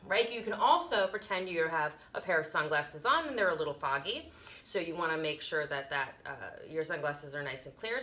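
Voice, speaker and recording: A middle-aged woman giving casual yoga instruction as a teacher, explaining informally with soft emphasis and little pauses, recorded in a living room by a camera a few feet away. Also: deep voice. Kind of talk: casual instructional talk, guided breathing demonstration. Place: carpeted living room, indoors.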